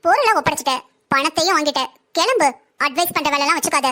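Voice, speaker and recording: A woman's voice: high voice, animated, fast talker, bright, forceful tone, voice pushed down. Woman doing a blunt, scornful brothel madam. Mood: dismissive. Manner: blunt, mocking, bossy. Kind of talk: cartoon story voice acting.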